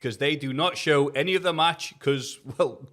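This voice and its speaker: A man's voice: on the high side, moderate pace, fairly bright tone. A man reading out his written review on a casual podcast. He is jokey and laughs often, with a few swears thrown in. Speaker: podcast co-host reviewing wrestling.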